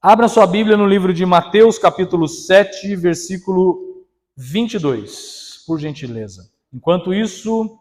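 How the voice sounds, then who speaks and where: A man's voice: sits high, animated, measured pace, a little mellow. A man with a Brazilian accent preaching a sermon in church, telling a story and chatting directly with the congregation. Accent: Brazilian Portuguese.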